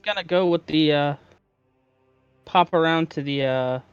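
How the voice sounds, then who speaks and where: Joking, crude tabletop player. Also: male voice, a little high, clear, resonant tone, dull audio, soft background music. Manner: joking, crude, quick with excuses. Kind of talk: casual joking banter at a game table.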